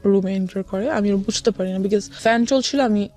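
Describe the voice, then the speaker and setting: A young woman with a Bangladeshi accent shares personal experiences as a guest, her mid-range voice slightly mellow and moving at normal speed. Her confessional storytelling switches often between Bengali and English, and background music plays under her voice.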